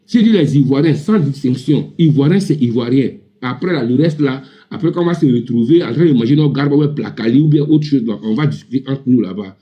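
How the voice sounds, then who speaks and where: An Ivorian man in a heated, informal live political debate speaks indignantly and emphatically, repeating himself often. His mid-range voice is lively, mellow, and fairly quick with few pauses, though the audio is dull.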